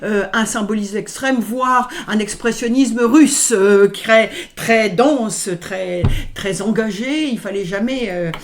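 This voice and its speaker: A woman's voice: medium pitch, slow pace, few pauses, a little hiss or hum. A woman violinist answering interview questions, speaking with many hesitations, fillers and restarts. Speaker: violinist guest. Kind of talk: conversational interview.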